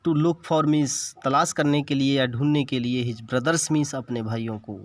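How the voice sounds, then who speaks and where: A man with a steady, mid-range voice talks a little slowly, with no room sound audible. In his bilingual classroom lesson he reads English lines in an Indian accent and patiently explains every word.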